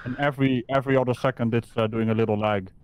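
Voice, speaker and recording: Smooth-voiced calm man. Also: medium pitch, very fast, dry recording. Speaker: player in a group game. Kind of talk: casual gaming chat.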